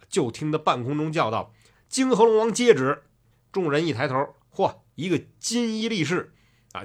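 Lively, chatty male storyteller. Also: medium pitch. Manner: chatty, many fillers and asides. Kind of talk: casual storytelling narration.

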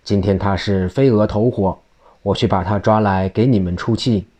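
A man's voice: lowish voice, fairly even intonation, normal speed, dark tone, natural voice. A man voicing an arrogant old demon Taoist priest who makes haughty, boastful threats.

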